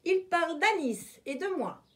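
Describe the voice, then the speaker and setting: A fussing, flustered storybook rabbit, always late, his voice pitched high and skipping up and down, as a woman reading aloud puts him on. He mutters in a hurry. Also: big pitch swings, normal speed, a bit bright, full character voice.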